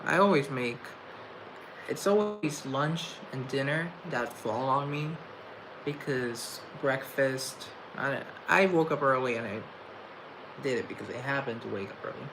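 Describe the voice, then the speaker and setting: On his casual livestream, a young male host reads chat aloud and talks in a reflective, chatty way. His medium-pitched speech is halting, with stutters and restarted words, over noisy room tone.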